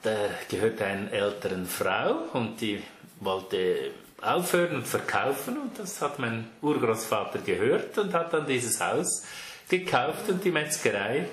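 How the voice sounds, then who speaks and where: Chatty Swiss German butcher in echoey shop. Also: male voice, medium pitch, lively intonation, unhurried, a bit bright. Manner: chatty, laughs easily. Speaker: butcher, fourth-generation shop owner. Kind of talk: casual interview answers. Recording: echoey room with faint noise.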